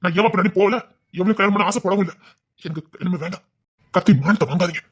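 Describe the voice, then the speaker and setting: A man's voice: sits high, very fast, breathy edge. A young man acting a proud village son who earnestly pleads with his parents, in a family drama.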